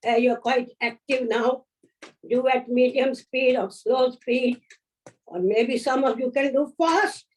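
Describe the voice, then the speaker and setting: A woman leading a yoga class, giving gentle, unhurried instructions, counting holds and offering encouragement. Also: high voice. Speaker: yoga teacher. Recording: voice from a distance off the mic.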